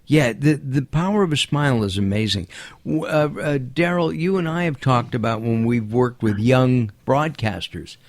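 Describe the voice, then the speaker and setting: A man's voice: mid-range voice, normal speed. A man hosting a radio talk show, chatting casually with fillers and restarts.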